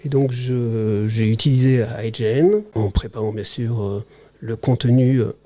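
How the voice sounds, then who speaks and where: A man speaking as a podcast guest in a casual interview, hesitant and halting, with many fillers and restarts. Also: medium pitch, warm tone. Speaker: podcast guest, teacher-researcher.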